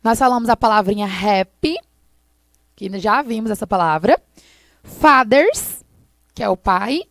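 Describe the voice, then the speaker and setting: A Brazilian woman teaching English to schoolchildren in a recorded online class, explaining slowly and patiently and often ending with a quick check-in question. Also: mid-range voice, creaky, no room sound. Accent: Brazilian Portuguese. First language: Portuguese.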